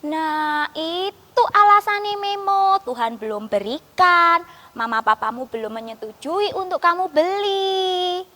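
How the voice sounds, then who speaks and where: Very high-voiced Sunday school teacher woman. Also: animated, measured pace, in a large hall. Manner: gentle, coaxing, teacherly. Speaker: children's ministry teacher.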